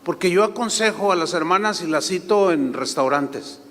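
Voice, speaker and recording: A preacher mimicking a whiny defensive pastor. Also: male voice, sits high, expressive, normal speed, a bit bright, in a large hall, slight background noise. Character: defensive middle-aged male pastor, self-justifying.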